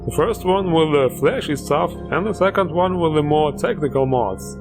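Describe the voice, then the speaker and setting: A man's voice: on the high side, normal speed, over music. A man hosting a game mod showcase, upbeat and joking, with plenty of enthusiasm. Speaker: host.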